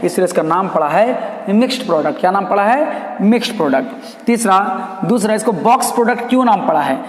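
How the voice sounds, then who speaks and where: A man with a fairly high voice lectures a math class, repeating each key term and answering his own questions. His voice rings in a roomy space with a long echo. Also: a little mellow. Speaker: math teacher. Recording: echoey room with long reverb.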